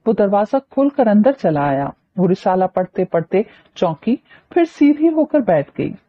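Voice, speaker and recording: A woman narrating a novel in an expressive storytelling voice. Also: mid-range voice, a little slow, no room sound. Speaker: audiobook narrator. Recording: dull lo-fi audiobook recording.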